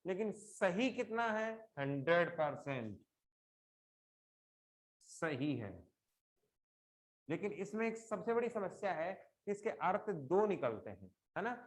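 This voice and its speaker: A middle-aged man, somewhat high in pitch, teaches a live online class through a computer or phone mic. He explains patiently, goes back over the same homely examples and keeps turning to his students with questions. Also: sing-song, slow, long pauses.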